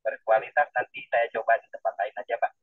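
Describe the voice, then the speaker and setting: A man's voice: medium pitch, fast talker, husky, dry recording, recorded from a distance. Man on a choppy, breaking-up phone call. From Makassar, Indonesia. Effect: choppy audio breaking up on a call. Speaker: webinar participant. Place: in a car while driving. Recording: tinny phone-line call audio.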